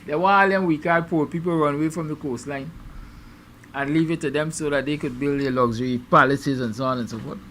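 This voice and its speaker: A man's voice: a little high, fairly even intonation, fairly quick, a bit bright, a little hiss or hum. A Guyanese man hosting a morning show, musing aloud with rhetorical, sarcastic questions to his viewers. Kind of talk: opinion monologue to viewers.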